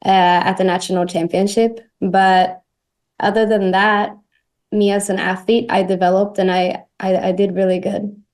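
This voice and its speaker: A young woman from Sweden, a native Swedish speaker, answers as an interview guest. She talks softly and hesitantly at a middle pitch, with many fillers. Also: flat delivery, normal speed. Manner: soft-spoken, hesitant with fillers. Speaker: guest athlete.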